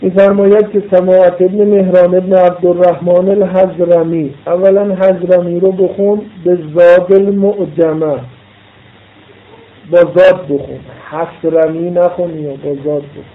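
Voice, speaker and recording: A man's voice: high-pitched, flat delivery, few pauses. A man teaching a classical religious text, reading it aloud and explaining pronunciation letter by letter with repetition. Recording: tinny phone-like audio.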